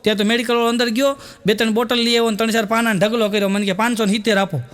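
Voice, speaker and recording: A stand-up comedian with a very high, slightly bright voice rattles off folksy jokes at a very fast clip in a level tone. Performing for a live audience, he acts out the characters in his stories.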